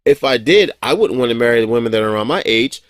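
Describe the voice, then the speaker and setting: A man in his forties vlogs a casual, rambling monologue at a medium pitch, speaking fast and expressively with no echo. He's blunt and profane, chuckling often and restarting his sentences.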